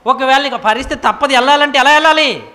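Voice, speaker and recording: A man preaching a sermon with emphatic rhetorical questions, swinging from loud to hushed. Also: very high-pitched, fast talker. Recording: echoey hall reverb.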